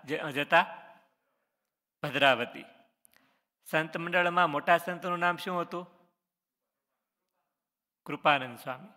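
A man's voice: fairly high pitch, pushed and bright, long reverb tail. A man, a religious teacher reading out quiz questions on scripture stories and answering each one, with short explanations. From Gujarat, India.

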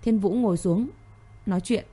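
A woman narrating an audio romance story in a steady, gentle voice. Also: medium pitch, normal speed, husky. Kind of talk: scripted narration.

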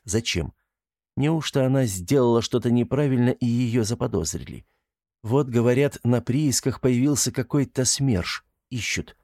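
A man reading an audiobook in a measured storytelling manner. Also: fairly low pitch, darkish tone, dry recording, clean studio sound. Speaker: narrator. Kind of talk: audiobook narration.

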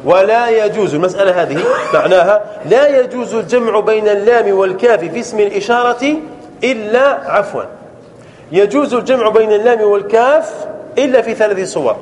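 A man's voice: high-pitched, fairly quick. A man teaching a grammar lesson to a class, explaining step by step and often checking whether the students understand.

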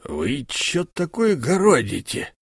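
A man's voice: fairly high pitch, lively intonation, unhurried, no room sound, voice pushed up. A man voicing a pompous, blustering, tipsy count hosting a ball, in a dry recording. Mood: angry. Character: blustering tipsy middle-aged count host.

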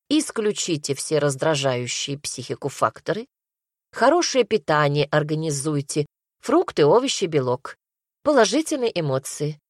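Casting: no-nonsense elderly woman doctor giving orders, voiced by a woman narrator, low dry voice. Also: no room sound. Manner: brisk, matter-of-fact. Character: older woman doctor, brisk and matter-of-fact.

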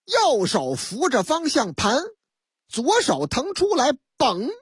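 A woman radio host retelling a news item as a comic story in lively, drawn-out storyteller phrasing. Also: sits high, breathy edge, no echo, studio quality.

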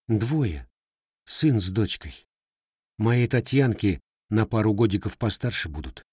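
A man's voice: on the low side, expressive, measured pace, darkish tone, breathy edge, no echo. A man voicing a sly, teasing young Cossack widow in a storybook reading, raising his voice for her. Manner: slightly raised, teasing folk speech.

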